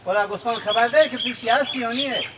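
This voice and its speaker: A man's voice: extremely high pitch, noisy background. A man playing an impatient Gilaki village father. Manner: questioning, impatient.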